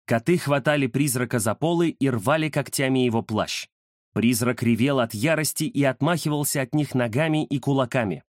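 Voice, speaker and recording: A man narrating a children's adventure story in a dramatic, expressive way. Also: medium pitch, no echo, studio quality.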